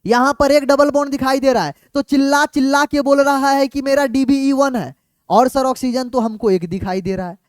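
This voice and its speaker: A man, a chemistry teacher explaining in a lively, playful way and acting out both the student and the teacher. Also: very high-pitched, normal speed, no room sound, studio quality. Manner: playful, plays student and teacher back and forth.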